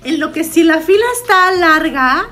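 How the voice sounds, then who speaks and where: A young Mexican woman co-hosting a casual comedy podcast, animated and laughing, heavy with slang and swearing. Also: very high voice, normal speed. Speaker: podcast co-host.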